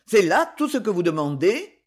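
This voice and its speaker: A reader voicing an arrogant, scornful male duke who sneers loudly. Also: medium pitch, sing-song, moderate pace, slightly rough. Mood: sneering. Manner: sneering, haughty, loud.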